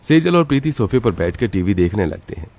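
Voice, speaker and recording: A man giving even, matter-of-fact scripted narration for a cartoon story. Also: on the low side, brisk.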